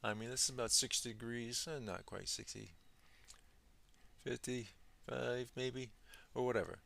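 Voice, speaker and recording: A man teaching as a trading instructor, walking through charts on screen in an unhurried way, thinking aloud with many fillers. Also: medium pitch, creaky, a bit bright. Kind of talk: screen-share chart walkthrough.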